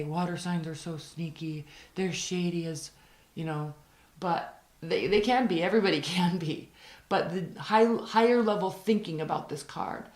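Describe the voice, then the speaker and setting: A tarot reader speaks to camera in a lowish, slightly mellow voice that's raspy and worn out, hoarse for days. She's earnest, repeating key phrases and slowing down on points she wants to stress. Noticeable room echo colors the sound.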